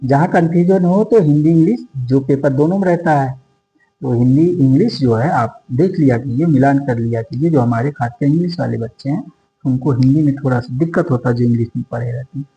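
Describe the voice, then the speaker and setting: A man's voice: medium pitch, brisk, mellow, rough recording. A man tutoring sociology for competitive exams, going through multiple-choice questions one option at a time and repeating numbers for his students. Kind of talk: exam-prep lecture.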